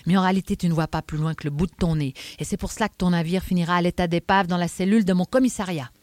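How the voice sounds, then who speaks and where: A woman reading aloud, voicing an irritable male police inspector who speaks in a forceful, emphatic, scolding way. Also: lowish voice, fairly even intonation, racing, no room sound, pitched above the performer's own voice, natural voice.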